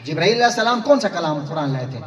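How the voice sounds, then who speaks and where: A man's voice: on the high side, sing-song. A man preaching a sermon to a gathering, questioning his listeners and pressing his points. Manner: rhetorical, quizzes the audience. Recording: roomy, far-off mic, crowd.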